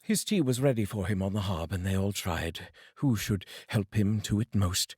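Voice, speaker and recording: A man with a British accent reading a classic novel aloud as narrator, dramatic and expressive. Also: fairly low pitch, normal speed, breathy edge, dry recording, studio quality.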